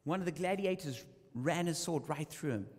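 A man with a fairly high, lively voice preaches a sermon in English at a moderate pace while a live interpreter translates. He tells a story dramatically, rising and falling with the tale, and the hall sounds reverberant.

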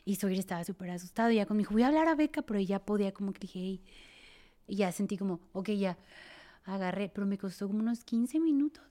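A woman with a Mexican accent telling a personal story in a casual chat, sinking to a breathy near-whisper in tense parts and acting out others' voices. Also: fast. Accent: Mexican Spanish. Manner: animated, acts out quoted voices louder and higher.

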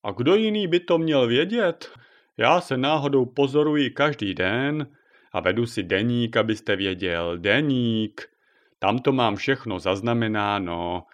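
Older retired man in a storybook, fussy and easily offended, rambling on with a lively, swooping voice, as a narrator puts him on. He talks in an indignant, chatty way. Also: medium pitch, muffled recording, close to an everyday voice. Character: fussy retired old man, touchy and talkative.

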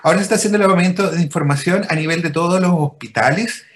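A Chilean man with a fairly high voice talks over a video call. He explains his medical work patiently and checks in often to make sure he is followed. His tone stays steady and informative. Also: rapid-fire. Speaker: physician interviewed as a guest.

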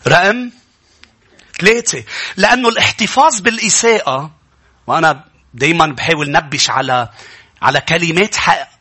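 A male pastor delivers an impassioned sermon. His voice sits high and sounds husky and piercingly bright. He drops to low, quiet stretches and then rises to shouting. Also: expressive, normal speed, long pauses.

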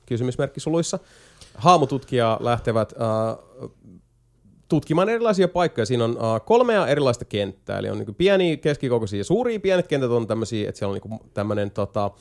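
A man at an ordinary middle pitch talks casually as a podcast host. He rambles through a game explanation and keeps stopping on hesitation fillers. He slips in jokey asides along the way. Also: creaky. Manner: jokey, lively storytelling. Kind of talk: casual chat.

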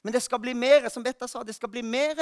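A male pastor giving an Easter sermon, telling funny stories about himself with lively warmth. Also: very high voice, clean tone, no room sound, clean studio sound. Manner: lively storytelling, self-mocking humor.

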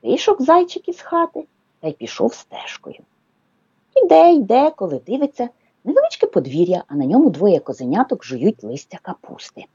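A woman reading a children's story aloud as a radio guest, an expressive storyteller. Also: lowish voice, fairly quick, husky, dry recording, muffled recording. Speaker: children's book reader, guest.

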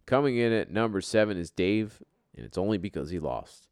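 A man's voice: lowish voice, big pitch swings, a little fast, a little mellow, slight background noise. A man hosting an informal fantasy sports top ten countdown show, with profane, bro-style trash talk. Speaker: fantasy football league show host.

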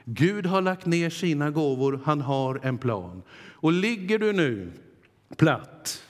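A man preaching a sermon in earnest, with dramatic pauses, voicing God's words to his listeners. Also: a little high, sing-song. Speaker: pastor. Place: church hall. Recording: long hall reverb.

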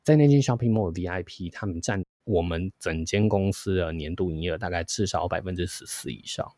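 A man with a Taiwanese Mandarin accent, hosting a podcast and telling a workplace story in a lively way, acting out what people said. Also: low-pitched, brisk, dry recording, clean studio sound. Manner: animated storytelling, acts out quoted dialogue. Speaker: podcast host. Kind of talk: storytelling chat.

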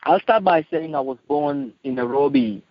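A man in his late thirties with a Kenyan accent, giving a personal testimony in a halting, earnest way. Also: fairly high pitch, expressive. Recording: muffled, echoey lo-fi phone call.

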